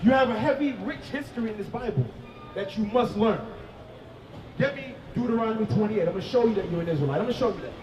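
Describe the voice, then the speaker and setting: Male street preacher, high voice, emphatic with bursts of shouting, distant mic in an echoey space. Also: animated, fast talker, muffled recording, a crowd in the background.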